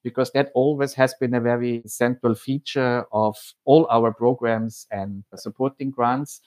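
Austrian man, measured explanatory talk. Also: mid-range voice, fairly even intonation, darkish tone. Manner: measured, explanatory, with occasional hesitations. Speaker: head of programs at a foundation. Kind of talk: podcast interview monologue.

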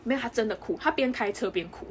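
A young woman co-hosting a casual podcast, telling a story in an animated way and acting out the lines of others. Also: fairly high pitch, slight background noise. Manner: animated storyteller, quick, acts out dialogue. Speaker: podcast co-host.

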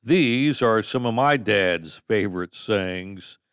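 Lively-voiced male radio host. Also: fairly low pitch, takes it slowly, clean tone, no echo, studio quality. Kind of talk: scripted radio narration.

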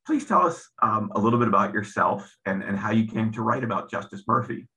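A man hosting an interview, introducing his guest and asking questions in a measured way with frequent ums. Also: lowish voice, animated, bright, forceful tone, rough recording. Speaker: interview host.

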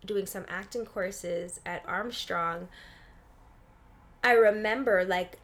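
An actress and film industry buyer, the guest in this interview talks slowly in a medium-pitched voice. Her style is casual, peppered with "like" and "you know," and she acts out pieces of conversation as she explains.

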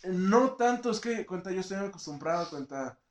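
A man's voice: high voice, animated, moderate pace. A young man with a Mexican accent from the countryside, co-hosting a casual chat, rambling with lots of slang and fillers. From rural Mexico. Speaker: podcast co-host.

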